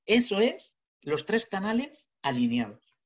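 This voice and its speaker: A man, a communication trainer, giving a webinar talk over a video call, animated and full of rhetorical questions. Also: mid-range voice, moderate pace. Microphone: webcam video call. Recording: dull lo-fi webinar audio.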